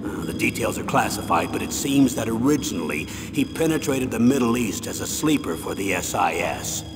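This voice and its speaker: An actor playing a stern, insistent veteran colonel with a gravelly voice, giving an authoritative military mission briefing in a video game. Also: male voice, fairly low pitch, animated. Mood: grave, informative. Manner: measured, authoritative briefing delivery. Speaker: commanding officer. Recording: long reverb, music behind. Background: music.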